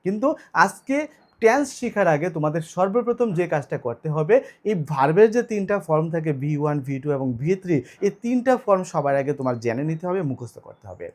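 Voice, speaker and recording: Male tutor, rather high voice, patient step-by-step grammar lesson with self-posed questions. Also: lively intonation, fast. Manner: explains step by step, asks and answers own questions. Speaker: English teacher. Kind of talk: online video lesson.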